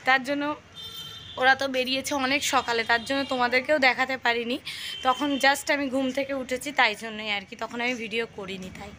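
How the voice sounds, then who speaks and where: A young woman talks straight to her viewers in a quick, breezy stream, vlogging her day at home on a handheld phone. Her voice sits a touch high, with a faint hum of room sound behind her. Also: pushed and bright. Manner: chatty, addresses viewers directly. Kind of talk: casual daily vlog chat. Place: at home indoors. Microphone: phone camera held by hand.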